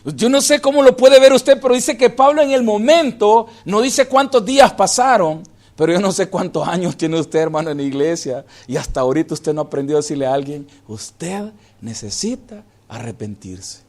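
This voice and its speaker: Man, pastor, sermon, high voice, swings from hushed to raised. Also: a little fast. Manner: keeps addressing listeners as "hermano", shifting between hushed and raised delivery.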